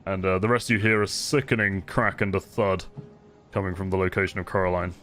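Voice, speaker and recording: A man's voice: sits low, fairly even intonation, a little fast, fairly bright tone, soft background music. Man narrating as a laughing game master. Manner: vivid descriptive narration, laughs often.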